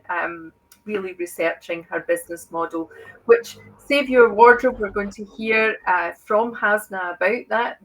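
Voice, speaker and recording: A woman researcher speaks at a conference session in an earnest, emphatic way. Her voice sits in a middle register. She leans on key words and often pauses with fillers. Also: mid-range voice, a bit bright, rough recording. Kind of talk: conference presentation. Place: online conference.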